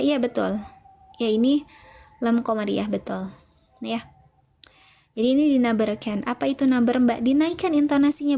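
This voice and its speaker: In this online Quran recitation lesson, the teacher's voice is mellow and on the high side. She goes step by step with patience, reading out viewers' names from the chat along with their answers.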